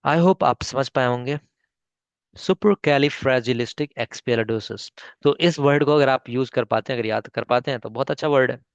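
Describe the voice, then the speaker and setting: A man's voice: medium pitch, steady tone, fairly quick, hardly any pauses, smooth, no room sound, lo-fi sound. A man with an Indian accent teaching spoken English online, breaking long words into syllables and checking in often with his students. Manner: patient, repeats "ठीक है?" often, spells words syllable by syllable.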